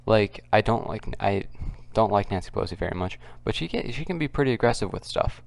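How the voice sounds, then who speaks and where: Quiet, low-voiced man with creaky fry. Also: lively intonation, a little fast. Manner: kept quiet, subdued because others are nearby. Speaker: political commentary video host. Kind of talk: casual unscripted commentary. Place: at home, others nearby.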